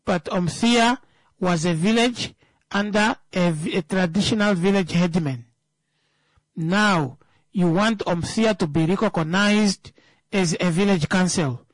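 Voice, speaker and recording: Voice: mid-range voice, measured pace, dry recording, poor audio. A speaker with a Namibian accent giving an impromptu political talk, emphatic, repeating phrases and answering their own rhetorical questions.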